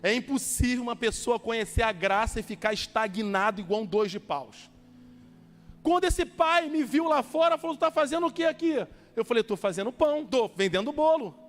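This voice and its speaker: A man's voice: extremely high pitch, expressive, moderate pace, a bit bright, long reverb tail, soft background music. A man preaching as a pastor, telling stories with acted-out dialogue and urging his listeners on. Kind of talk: sermon.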